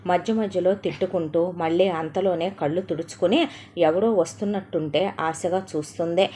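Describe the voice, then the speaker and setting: A woman reading a short story aloud with steady, expressive narration. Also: fairly low pitch, moderate pace, slight background noise.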